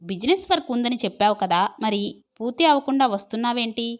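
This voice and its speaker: A woman voicing a shy, cheerful young woman in love who speaks brightly and playfully in an audio story. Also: fairly high pitch, expressive, fast talker, natural voice. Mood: curious.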